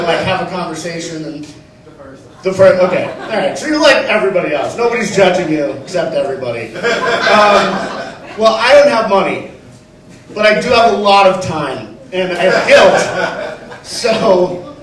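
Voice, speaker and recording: High-voiced man doing stand-up in a roomy club. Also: far from the mic. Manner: chatty, self-mocking. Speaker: stand-up comedian. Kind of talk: stand-up set. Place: comedy theater. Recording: roomy club recorded from afar. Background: audience laughter.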